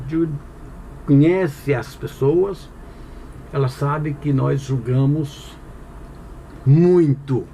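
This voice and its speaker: A man with a mellow, somewhat high voice gives a chatty, explanatory Portuguese grammar lesson. He asks the listener questions, supplies the answers himself, and frequently checks in with "tá bom?" There's slight background noise.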